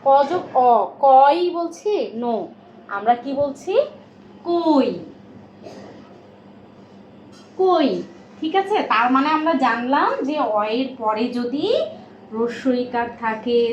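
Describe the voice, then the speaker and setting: A woman's voice: fairly high pitch, darkish tone. A woman teaching a children's recitation and pronunciation class, patient and coaxing, often stopping to check that the children follow. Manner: patient, coaxing, asks many check questions. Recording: roomy, dull, faint hiss.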